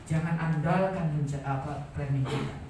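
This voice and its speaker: A man with an Indonesian accent preaching a sermon, swinging between loud shouted peaks and quiet joking asides with the congregation. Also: a little high, steady tone, normal speed, far from the mic, slight background noise. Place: large church hall. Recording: very echoey hall, voice from afar.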